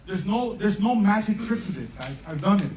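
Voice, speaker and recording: At a live event in a large room, a man from El Salvador, founder of a program, gives an impassioned motivational speech to parents and students. His high, lively, slightly mellow voice moves briskly, and he keeps asking "right?" to check agreement. The mic is distant and roomy, with faint noise.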